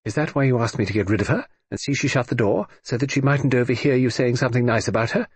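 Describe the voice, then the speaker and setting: A man reading an audiobook, voicing an imperious, deaf old aristocratic lady with crisp, commanding upper-class speech. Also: medium pitch, fast talker, dry recording. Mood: tart.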